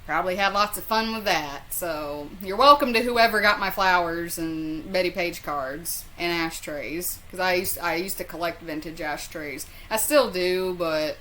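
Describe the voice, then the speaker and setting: A woman's voice: fairly low pitch, a little slow, hardly any pauses, a bit bright, slight background noise, rough recording. A woman with a Southern US accent telling a personal story in a casual, rambling, sweary and self-deprecating way. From southern US, North Carolina. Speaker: storyteller vlogger.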